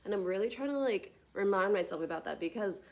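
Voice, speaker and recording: Fast-talking and animated, with a mid-range, darkish voice, this late-twenties woman delivers a rambling vlog monologue to her tablet camera, drifting through tangents and leaning on "like" and "you know what I mean."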